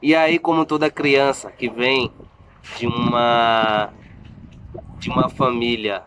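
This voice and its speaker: A man's voice: mid-range voice, fairly even intonation, slow pace, reverberant, noisy background. Chatty self-mocking man in his thirties. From Salvador, Bahia, Brazil. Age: 30s. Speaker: family vlogger. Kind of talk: casual vlog talk to viewers.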